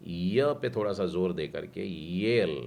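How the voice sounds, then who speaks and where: A man's voice: low voice, animated, unhurried. A man teaching a language class, patiently spelling out letters and syllables one by one before saying each whole word.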